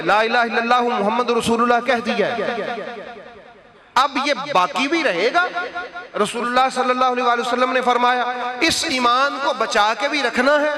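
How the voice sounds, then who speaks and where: High-voiced emphatic preacher, crowd audible. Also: male voice. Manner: emphatic, asks the crowd questions and acts out short dialogues. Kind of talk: Friday sermon to a congregation. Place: mosque. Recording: live sermon with crowd sounds.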